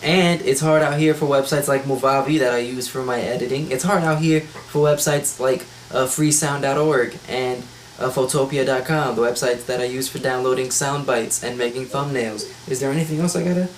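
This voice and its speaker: This podcast host talks fast and loose on a voice call mic, steering the casual conversation with blunt jokes. He has a medium pitch and fairly even delivery, moving at a moderate pace with hardly any pauses, and there's slight background noise.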